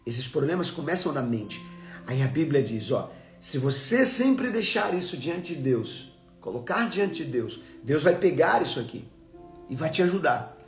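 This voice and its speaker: Earnest preacher in an echoey room. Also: male voice, on the high side, animated, faint music behind. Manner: earnest, emphatic, often slowing to stress words. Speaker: preacher hosting a live stream. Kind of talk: live-stream devotional teaching.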